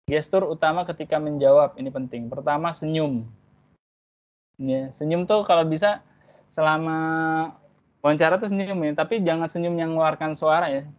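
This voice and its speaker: A man's voice: on the high side, a little fast. Man coaching, dull lo-fi audio. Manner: casual teacherly, tags points with "ya" and "gitu". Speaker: interview trainer for school applicants. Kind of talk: online training presentation.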